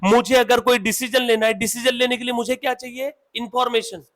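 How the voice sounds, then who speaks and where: A man's voice: very high voice, little pitch movement, fairly bright tone. A man from India teaching accountancy in a classroom, mixing Hindi and English and often asking his students questions. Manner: dictates notes slowly. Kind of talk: classroom lecture.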